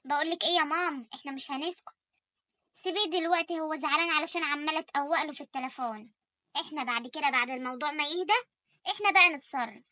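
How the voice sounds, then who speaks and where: A woman's voice: sits high, no room sound. A woman voicing a jealous Egyptian sister. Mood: scheming. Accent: Egyptian Arabic. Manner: quick, sharp-tongued. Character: scheming young sister, jealous and sharp-tongued. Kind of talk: animated story voice acting.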